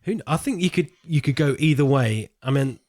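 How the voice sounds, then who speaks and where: As a podcast co-host, a man chats informally about films, rambling as he thinks aloud. His mid-range voice is animated and darkish in tone, and he talks fairly quickly.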